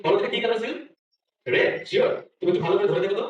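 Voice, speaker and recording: A man's voice: high-pitched, very fast, background noise. A man working as a kids' party magician, coaxing children with simple questions and chanted magic words in live show patter. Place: live event stage with audience. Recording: echoey hall, distant PA, audience, dull sound.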